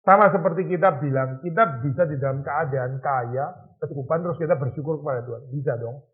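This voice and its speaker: A man's voice: on the high side, a little fast. A man, a pastor, teaching a youth Bible study in a conversational lecture, asking the group rhetorical questions. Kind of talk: informal lecture. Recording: tinny phone-like lo-fi recording.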